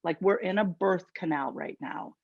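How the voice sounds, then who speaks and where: A woman with a Chicago accent giving an inspirational talk as guest speaker at an online spiritual service, lively and conversational with quick asides. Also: on the low side, gravelly, slightly rough, no room sound, phone-quality sound. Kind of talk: inspirational sermon.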